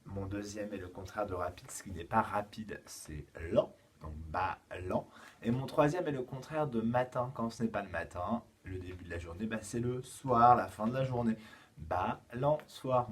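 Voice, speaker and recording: A man with a French accent, a kindergarten teacher giving a slow, patient home-schooling lesson to young children. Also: on the low side, expressive, a little hiss or hum.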